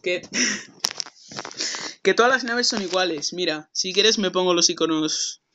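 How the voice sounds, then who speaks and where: A man's voice: sits high, takes it slowly, background noise. A young man from Spain, commentating his gameplay brashly and swearing as he argues with someone off-mic. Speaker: gaming streamer.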